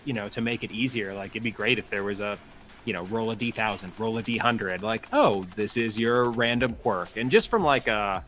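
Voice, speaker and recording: A man's voice: on the low side, brisk, fairly bright tone, faint music behind. A man co-hosting a casual livestream chat about tabletop games, thinking aloud with lots of fillers. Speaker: podcast co-host.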